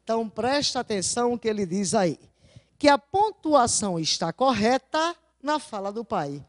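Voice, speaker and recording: Female teacher, slightly high and very animated, didactic, poses rhetorical questions, dry close sound. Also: no echo. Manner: keeps asking her class rhetorical questions; didactic, stresses key words slowly. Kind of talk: video lesson going over exam answers.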